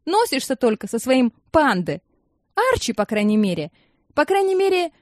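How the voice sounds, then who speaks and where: Woman voicing a middle-aged mom, huffy and clipped, bit high, storybook. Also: big pitch swings, normal speed, darkish tone, no room sound, studio quality. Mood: indignant. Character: middle-aged mother, stiff and defensive.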